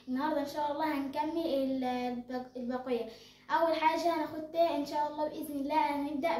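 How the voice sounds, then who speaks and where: Posing and answering her own questions, a Quran recitation teacher, a young girl with an Egyptian accent, walks through the rules of tajweed. Her female voice sits high with a somewhat dark tone, and the sound is roomy.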